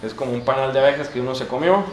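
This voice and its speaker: A man's voice: medium pitch, rapid-fire, loud music behind the voice. A man with a Mexican Spanish accent teaching a pronunciation lesson in an auditorium, spelling out sounds one by one and asking the class questions. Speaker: Esperanto teacher. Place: large university auditorium. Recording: roomy auditorium echo, faint background noise.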